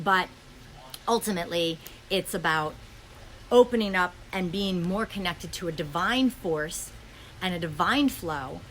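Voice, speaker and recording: A woman hosting a podcast, speaking fast in a flowing spiritual monologue with many ums and restarts, recorded in a friend's home. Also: lowish voice, a bit bright, a little hiss or hum, poor audio. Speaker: podcast host.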